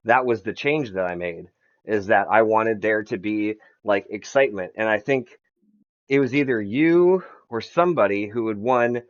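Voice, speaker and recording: A man's voice: on the low side, moderate pace. Guy running a fantasy league on a podcast, rambles and swears a lot, bit muffled lo-fi sound. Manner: rambling, swears freely, repeats words. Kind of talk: casual podcast chat.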